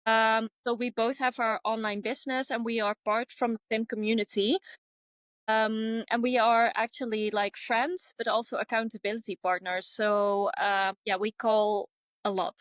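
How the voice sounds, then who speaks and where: Woman in her thirties, from the Netherlands, fairly high voice, dry close sound, chatty guest. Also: level tone, moderate pace, dry recording. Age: 30s. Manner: chatty, many fillers like um and yeah. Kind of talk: casual interview chat.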